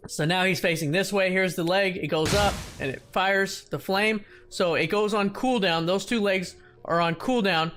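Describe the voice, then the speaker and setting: An excitable male gaming YouTuber with a notably high voice, talking his viewers through a game in a loose, hyped-up way and swearing casually. Faint music plays underneath. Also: moderate pace, few pauses. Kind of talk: casual video game commentary.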